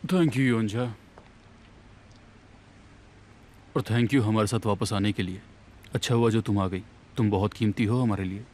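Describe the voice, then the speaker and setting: An actor playing a firm, protective family man in a dubbed TV drama, over loud background music. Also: on the low side, normal speed, slight background noise, close to an everyday voice. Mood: calm. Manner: firm, scolding when angry. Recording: loud music under dialogue.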